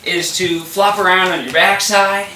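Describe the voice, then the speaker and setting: A man teaching exercises with a sharp, bright voice, his words tight with effort as he holds each position. He sounds set back from the mic, and the room around him rings with echo. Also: high-pitched, fairly even intonation, a little slow, slight background noise. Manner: instructive, upbeat, strained while exercising. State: effortful, straining. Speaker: fitness instructor. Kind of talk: exercise demonstration. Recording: echoey room from a distance.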